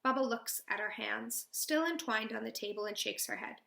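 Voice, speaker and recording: Lady reading a kids' book out loud, really expressive, bright tone, echoey room. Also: on the high side, moderate pace, creaky. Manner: expressive, voicing a girl's emotions. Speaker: read-aloud host. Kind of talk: reading a children's novel aloud. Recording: roomy echo.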